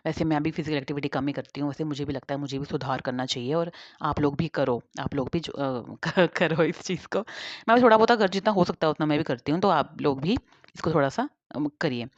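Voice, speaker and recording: A woman's voice: low-pitched, fairly quick, no room sound. A woman talking informally and directly to her viewers in a casual advice monologue. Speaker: advice vlogger. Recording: dull, dry lo-fi recording.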